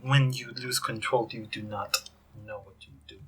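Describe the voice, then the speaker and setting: A man's voice: medium pitch, fairly even intonation, normal speed, heavy background noise, natural voice. A man voicing a brooding, cursed barbarian warrior in a grave, guarded manner for a tabletop game.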